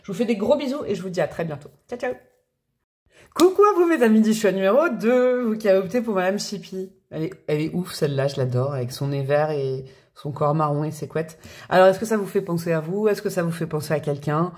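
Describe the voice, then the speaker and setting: A woman giving a casual, chatty tarot reading to her viewers, expressive and laughing often between her thoughts. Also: fairly low pitch, fairly quick. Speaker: tarot card reader.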